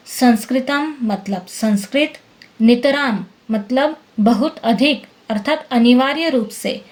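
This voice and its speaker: A woman teacher walks through a lesson at an unhurried, deliberate pace. Her voice sits fairly high, and she pauses often to check that her students are keeping up. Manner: patient, explains slowly and checks understanding. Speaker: Sanskrit teacher. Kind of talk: classroom lesson explaining text line by line.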